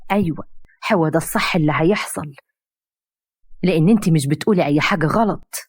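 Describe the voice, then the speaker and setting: A woman's voice: low-pitched, fast, husky, dry recording, clean studio sound. A woman voicing an Egyptian middle-aged mother who is easily swayed and turns harsh on her daughters. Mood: agreeing. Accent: Egyptian Arabic.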